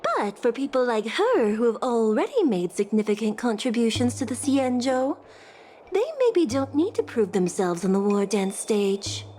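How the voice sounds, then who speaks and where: In a video game cutscene over background music, a woman voices a poised palace secretary who speaks courteously and formally. Her voice sits on the high side, very animated and moderately paced, with a dark tone and a little hiss or hum.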